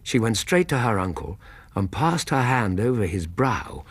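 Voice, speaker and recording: Low, husky English doctor narrating. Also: male voice, sing-song, no echo, exaggerated voice. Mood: observant, sympathetic. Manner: measured, literary storytelling. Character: courteous, loyal male Victorian doctor and narrator. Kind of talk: radio drama narration.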